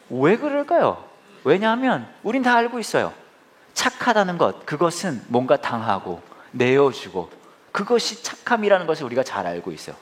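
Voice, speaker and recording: A man in his forties preaching a sermon, telling humorous family stories and speaking directly to the congregation. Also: high voice. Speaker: pastor.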